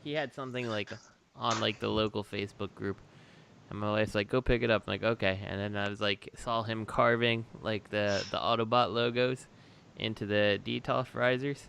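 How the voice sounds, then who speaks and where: Male panelist, low gravelly voice, hesitant delivery, faint hiss. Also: steady tone, normal speed, a bit bright. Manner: hesitant, restarts sentences. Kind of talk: casual chat.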